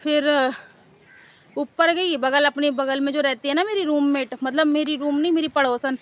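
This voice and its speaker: A woman's voice: high voice, fairly even intonation, moderate pace, lo-fi sound. A woman vlogger casually telling a story to camera outdoors in a park, chatty and rambling, often repeating herself.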